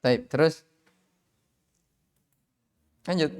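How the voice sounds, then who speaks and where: A man teaching tajwid in a live online class, drilling Arabic syllables slowly and calling on students to recite. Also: a little high, a little mellow. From Indonesia.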